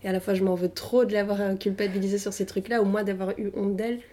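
A woman's voice: mid-range voice, flat delivery, fast talker, dark tone. A young woman from Tunisia, a native Arabic speaker, talking casually and hesitantly about her life, with slang and many fillers. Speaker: interviewee. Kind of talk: casual personal testimony.

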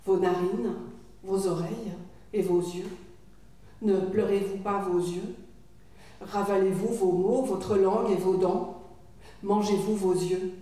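Woman doing spoken-word poetry, slow chanting questions, dark mellow tone, far off in a big echoey room. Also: mid-range voice. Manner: measured, incantatory questioning.

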